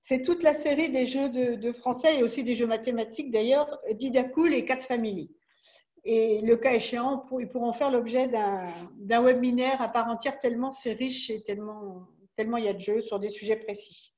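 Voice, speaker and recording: A woman's voice: on the high side, moderate pace, a little mellow, dull audio. A woman presenting educational games in a webinar, patiently walking through the rules step by step over a video call. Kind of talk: explaining a product webinar.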